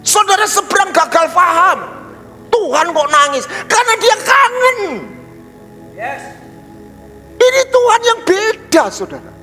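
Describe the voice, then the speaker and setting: An animated male pastor with an East Javanese Indonesian accent preaches in a very high, lively voice. He drops into low asides and then bursts into loud, high exclamations. His voice rings through a large church hall with a long reverb, and soft music plays underneath. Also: unhurried, long pauses. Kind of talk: sermon.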